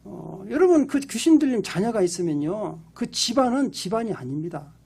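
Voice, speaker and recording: Korean pastor, male, sermon delivery, animated swinging pitch, husky edge, acts out voices in stories. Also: normal speed. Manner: emphatic storytelling, acts out pleading voices.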